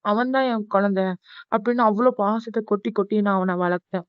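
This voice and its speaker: A woman's voice: mid-range voice, fairly quick, clean tone, dry recording, lo-fi sound, lightly acted. A woman voicing a scheming middle-aged aunt who pleads and pushes emotionally. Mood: pleading. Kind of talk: cartoon voice acting.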